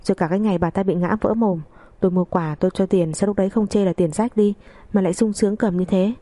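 A woman voicing a defiant, sharp-tongued young wife who answers back coolly and cuttingly. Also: medium pitch, fairly even intonation, fast talker, no room sound, lightly acted. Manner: cool, mocking, cutting.

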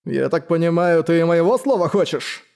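A man's voice: fairly high pitch, expressive, normal speed, gravelly, darkish tone. A male narrator voicing a menacing, vengeful brute of a man with a snarling, threatening delivery.

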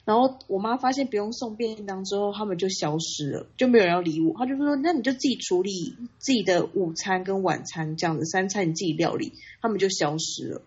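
Fast-talking husky woman. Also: mid-range voice, darkish tone. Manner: rapid, laughing storytelling. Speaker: podcast co-host. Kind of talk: casual chat. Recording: dull lo-fi sound.

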